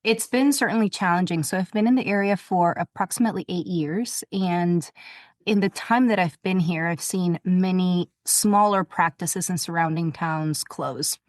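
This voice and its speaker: A woman's voice: on the low side, moderate pace, dry recording. Woman from Venezuela, dry close sound. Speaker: pediatrician. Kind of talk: podcast interview guest.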